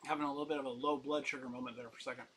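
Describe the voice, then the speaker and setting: A man's voice: medium pitch, little pitch movement, rapid-fire, fairly bright tone, slight background noise, low-quality recording. A man running a casual live-stream comic auction, chatty and upbeat, rambling and laughing as he talks.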